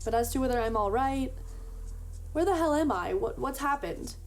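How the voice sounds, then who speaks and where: A bewildered man just woken from a long frozen sleep, asking halting, anxious questions, as a woman reads him aloud. He stays reasonable while he tries to understand. The voice sits fairly high. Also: lively intonation, recorded from a distance.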